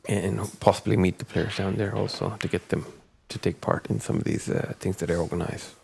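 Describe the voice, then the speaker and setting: A man's voice: low-pitched, steady tone, brisk, gravelly, slight background noise. A man giving casual, hesitant snooker commentary with many fillers, also chatting about running events. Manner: hesitant, filler-heavy, soft-spoken. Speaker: guest commentator.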